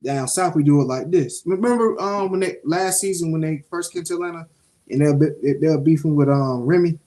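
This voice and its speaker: A young man talks through a TV episode with a loose, streetwise swagger, swearing and storytelling as he goes. His voice sits a little high for a man. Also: fairly quick, dark tone. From Jacksonville, Florida (Duval). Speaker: podcast co-host. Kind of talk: casual show review chat.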